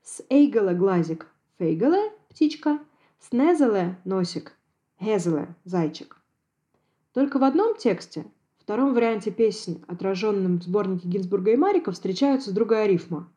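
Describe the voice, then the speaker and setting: Measured woman giving a scripted lecture. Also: medium pitch, expressive, mellow. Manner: measured, precise academic delivery. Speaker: Yiddish language expert.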